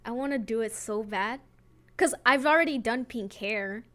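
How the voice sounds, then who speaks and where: Young podcast co-host, woman, high bright voice, lively storyteller. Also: moderate pace. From Guatemala. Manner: animated storytelling, acts out quotes, laughs and swears. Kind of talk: casual chat.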